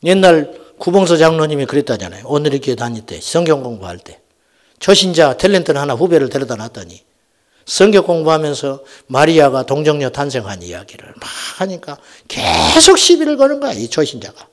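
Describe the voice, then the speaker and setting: A middle-aged man preaching a Friday night sermon as senior pastor, telling folksy stories and swinging from loud exhortation to hushed asides. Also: fairly high pitch, a little fast. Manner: animated, swings between shouting and near-whispering asides; folksy storytelling with acted quotes. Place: church sanctuary.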